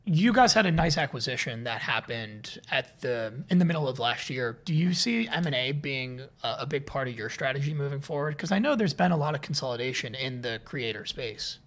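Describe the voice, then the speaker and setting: A man's voice: medium pitch, expressive, brisk, hardly any pauses, fairly bright tone. A man hosting a podcast, asking questions and musing at length, often restarting his phrases and repeating words. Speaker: podcast host. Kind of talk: interview questions and commentary.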